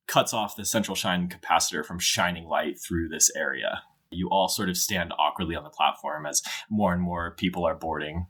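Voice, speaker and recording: A man's voice: deep voice, a bit bright, slightly rough. A man narrating scenes and answering players as game master. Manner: descriptive, easygoing narration.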